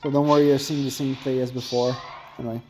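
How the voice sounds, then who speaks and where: A thin-voiced young man rambles casually while commentating on his gameplay, often correcting himself mid-sentence. He talks fast in a medium-pitched, slightly mellow voice with little pitch movement, over soft background music.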